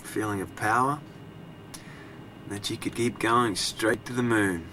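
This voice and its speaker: An actor playing a confident, brooding man pilot who talks low and teasing, in daytime soap acting. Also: unhurried, background noise, lightly acted.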